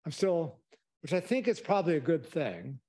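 An older man lecturing in a rambling, reflective, halting way, as a professor advising students. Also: fairly high pitch, very animated, a little mellow, slightly rough. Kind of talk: public lecture, advice to students. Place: indoor lecture room. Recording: echoey lecture room.

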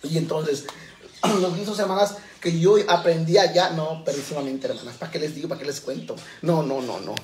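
On a home livestream, a man chats casually in a campy, self-mocking way, calling his viewers sisters. His voice is on the high side, brisk, and a little mellow, and the echoey room carries faint background noise.

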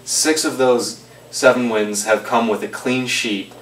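A young man hosting a sports post-game report, asking brisk, plain questions into a handheld mic in a small office. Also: mid-range voice, steady tone, fairly bright tone, slight background noise. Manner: brisk, scripted intro then plain questions. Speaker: host, interviewer. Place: small office with trophy shelves, indoors. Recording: echoey room, mic a bit far off.

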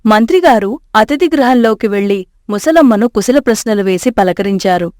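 Steady woman reading a storybook tale. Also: fairly high pitch, normal speed, no room sound, studio quality. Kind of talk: scripted storybook narration.

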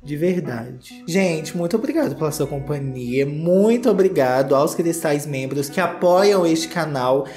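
A man's voice: a little high, animated, unhurried, few pauses, a little mellow, echoey room, faint music behind. A man with a Brazilian Portuguese accent giving campy, theatrical comedic commentary on fashion runway walks, breaking into shrieks and exclamations. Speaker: YouTuber host.

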